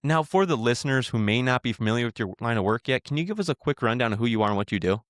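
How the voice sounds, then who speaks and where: A man's voice: medium pitch, lively intonation, rapid-fire, fairly bright tone, no room sound, clean studio sound. Friendly man hosting a podcast. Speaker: podcast host. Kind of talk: podcast interview.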